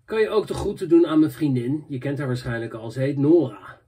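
Husky young man, loose rambling vlog chat. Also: a little high, lively intonation, brisk, mellow. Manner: loose, rambling, drops "man" and "weet je" often. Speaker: vlogger answering viewer messages. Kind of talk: casual chat.

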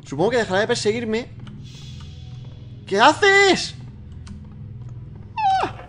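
A man with a Spain Spanish accent doing excitable horror game let's play commentary at a desk mic, swearing and shrieking when startled. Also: extremely high pitch, slow. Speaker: gaming YouTuber. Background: game music and keyboard typing.

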